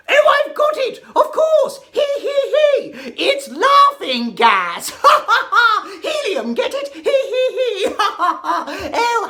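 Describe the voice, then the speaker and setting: A woman playing a zany, excitable Mad Hatter in a theatrical children's monologue, whimsical and exclamatory, chatting to young listeners. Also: sits high, full character voice. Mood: giddy, silly. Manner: whimsical, exclamatory, giggles at own jokes, chatty with audience. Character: zany, giggling, excitable Mad Hatter telling silly jokes. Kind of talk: theatrical children's character monologue and poem recital.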